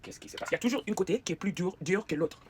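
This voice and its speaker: This vlogger, an American-accented native English speaker, makes casual get-ready-with-me chat that halts and is dotted with English fillers. The voice sits mid-range, and there is slight background noise.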